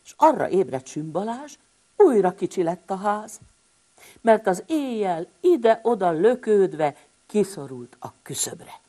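A woman telling a rhyming bedtime story to children, animated and speaking to them directly. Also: mid-range voice.

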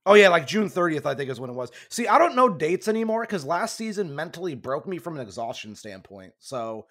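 A man's voice: a little high, big pitch swings, brisk, a bit bright. A man hosting a casual sports podcast, talking in a rambling, self-correcting way while losing his voice. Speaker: podcast host.

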